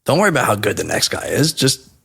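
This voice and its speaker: A man in his thirties from New Jersey, telling stories as a podcast guest in a casual, animated and profane way. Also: medium pitch, fast, gravelly, slightly rough.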